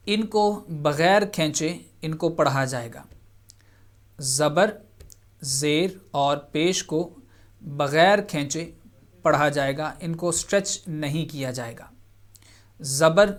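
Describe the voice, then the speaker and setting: A man hosting a televised Quran reading lesson, who explains patiently, repeats each point and draws out the sounds slowly. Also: on the high side. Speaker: Quran teacher and TV host.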